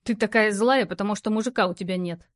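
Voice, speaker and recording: A woman voicing a rude, hurried young man who talks quickly and sneers. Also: mid-range voice, lightly acted.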